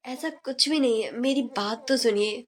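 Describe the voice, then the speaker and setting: A woman's voice: fairly high pitch, normal speed, close to an everyday voice. A woman voicing a young man who pleads and coaxes his fiancée apologetically. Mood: pleading. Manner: coaxing, apologetic.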